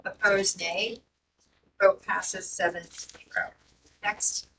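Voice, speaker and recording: A woman presiding over a school board meeting, calling motions and votes in a brisk, procedural way. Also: medium pitch, flat delivery, vocal fry, sharp tone. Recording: distant mic with faint noise.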